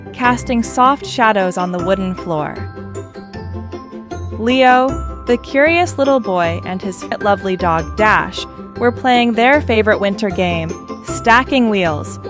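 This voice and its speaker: Reading aloud to little ones as the host, a woman uses simple phrases and an expressive, unhurried mid-range voice. Children's music with jingles runs in the background.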